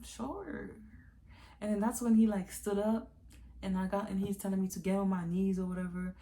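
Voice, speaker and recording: A woman's voice: mid-range voice, dark tone, slight background noise. A young woman vlogger chatting candidly to viewers in a casual storytime confession, calling them y'all.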